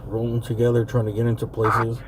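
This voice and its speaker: A man with a medium-pitched voice streams live from the street. He comments in a loose, slangy way, thinking aloud, with clear car noise around him. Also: completely flat delivery, a little fast.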